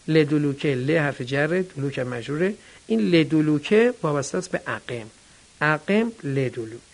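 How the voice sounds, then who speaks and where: A man's voice: a little high, gravelly. A male teacher giving a grammar lesson, asking questions and answering them himself, speaking directly to his students.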